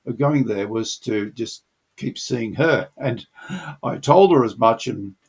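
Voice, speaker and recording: A man's voice: medium pitch, slow pace, gravelly, slightly rough. A middle-aged man earnestly telling the personal story of how he came to faith, in a reflective storytelling manner. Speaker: channel host sharing his testimony.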